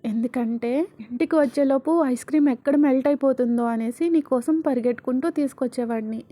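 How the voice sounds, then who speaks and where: A woman voicing a gentle, caring little boy in a told story, speaking softly and coaxingly. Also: high-pitched, quick pace, dry recording, close to an everyday voice. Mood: soothing.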